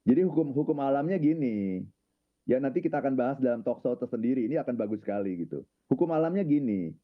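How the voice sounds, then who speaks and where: Man telling a personal story slowly, lots of little filler tags, sounds like it's coming through a phone. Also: medium pitch, animated, narrow, tinny audio. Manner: unhurried, leans on filler tags at phrase ends. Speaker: guest speaker on his own channel.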